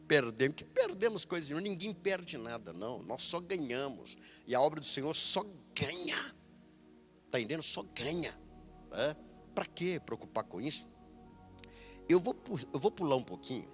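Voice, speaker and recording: Animated man preaching a sermon. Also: mid-range voice. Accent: Brazilian Portuguese. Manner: animated, emphatic, with frequent laughs. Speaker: pastor.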